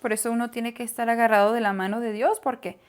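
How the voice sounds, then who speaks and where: A woman's voice: on the high side, steady tone, fast talker, smooth. A woman co-hosting a casual Bible discussion, agreeing and adding reflections. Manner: agreeable, fills in with frequent "ujú" and echoes. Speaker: Bible study co-host.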